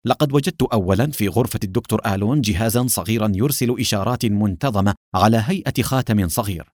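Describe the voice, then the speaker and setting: A man's voice: lowish voice, fast talker, a little mellow, dry recording, clean studio sound, close to an everyday voice. A man reading a confident young woman agent. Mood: serious.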